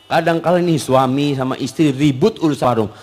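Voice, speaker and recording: A male Indonesian preacher giving an animated sermon with questions and answers, acting out wives and husbands and dropping in Arabic phrases. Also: mid-range voice, a little fast. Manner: animated, acts out wives and husbands in quoted voices; mixes Arabic phrases into his talk.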